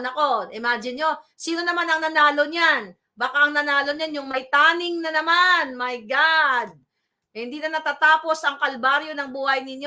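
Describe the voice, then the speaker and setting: Bright, high-voiced Filipina commentator. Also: female voice. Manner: animated, scolding, mixes Tagalog with English, asks "di ba?" often. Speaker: political commentary vlogger. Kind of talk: casual political commentary.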